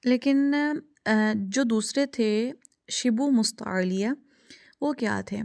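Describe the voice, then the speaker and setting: A woman teaches children recitation in a clear, smooth voice, modelling each sound slowly and repeating it again and again. She asks checking questions and answers them herself. The recording is close and dry. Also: on the high side, darkish tone, no echo. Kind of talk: tajweed lesson for children.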